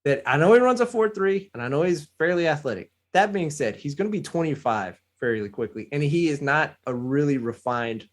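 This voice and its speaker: Guy on a sports podcast, kinda high voice, lays out both sides of the argument. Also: lively intonation, brisk, hardly any pauses. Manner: analytical, weighs both sides. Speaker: podcast co-host. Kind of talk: casual sports chat.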